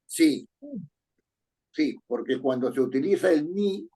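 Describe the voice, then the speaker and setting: Male writing teacher, husky and mellow, patient step-by-step explainer. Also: fairly high pitch, lively intonation, takes it slowly. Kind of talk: online class lecture.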